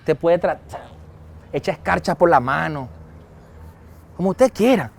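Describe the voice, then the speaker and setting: A man preaching a sermon as pastor, lively and acting out quoted dialogue. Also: on the high side, measured pace, vocal fry. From Venezuela. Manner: lively, acts out quoted dialogue and chuckles often.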